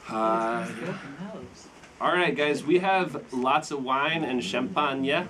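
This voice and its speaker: A young man, a filmmaker, chatting casually in a Q&A after a screening, relaxed and rambling, laughing often. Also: mid-range voice, slow pace, a crowd in the background. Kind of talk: casual Q&A chat. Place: screening room with an audience.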